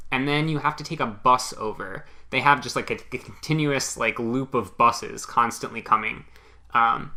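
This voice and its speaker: A man's voice: mid-range voice, sharp tone. A young man co-hosting a casual chat show, rambling along with dry jokes. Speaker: podcast co-host, former theme park worker.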